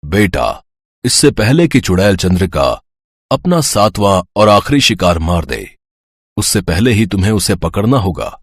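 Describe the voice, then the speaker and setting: A man voicing a very old tantric holy man in an animated story, speaking with solemn warnings. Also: fairly low pitch, unhurried, dry recording, full character voice.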